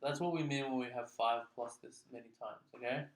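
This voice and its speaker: A man's voice: mid-range voice, fairly even intonation, a little fast. A man tutoring a child in maths one-on-one, explaining patiently and checking in with frequent "okay?"s. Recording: echoey room.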